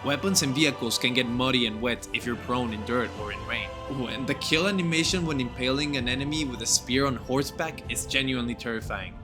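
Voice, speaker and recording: A man's voice: mid-range voice, brisk, few pauses, music in the background. A young man narrating a scripted gaming video in an enthusiastic, gushing and informal way.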